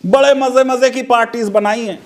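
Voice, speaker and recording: Male legal commentator, high-pitched, sarcastic and full of rhetorical questions. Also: fairly even intonation, fairly quick.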